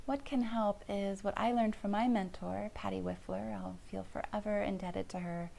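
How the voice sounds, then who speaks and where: A middle-aged woman, a family therapist, giving a calm parenting lesson in a soft, often hushed voice. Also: mid-range voice, gravelly, a little hiss or hum.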